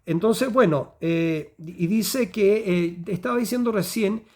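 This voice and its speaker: A man's voice: sits high, slow pace, a little mellow. A man preaching a sermon, often checking in with the listeners and repeating phrases as he builds a point. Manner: teaching tone with frequent "¿ya?" and "¿cierto?" checks.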